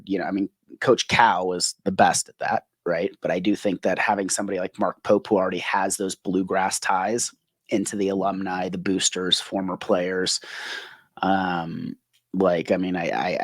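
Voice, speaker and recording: Low-voiced man in dry podcast chat. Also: dry recording. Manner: talks in long runs, often ending on a questioning "right?". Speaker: podcast co-host. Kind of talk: casual sports podcast chat.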